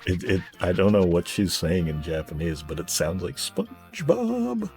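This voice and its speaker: A man's voice: low-pitched, fairly even intonation, normal speed, darkish tone, faint music behind. A young man streaming a game from home, reading the game's text aloud and chatting casually, swearing and laughing easily. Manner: laid-back, swears casually, laughs often.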